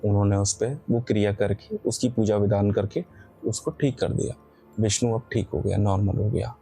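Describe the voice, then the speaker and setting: A man's voice: lowish voice, steady tone, moderate pace, gravelly, warm tone, husky, soft background music. A man casually telling a horror story, rambling and correcting himself with frequent filler asides. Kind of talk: casual spoken horror narration.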